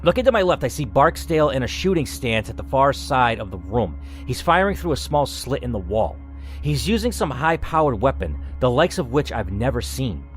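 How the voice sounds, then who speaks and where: A male let's player and video game narrator reads an interactive story aloud with drama and casual asides. His mid-range voice moves at a moderate pace in a sing-song way, with music running underneath.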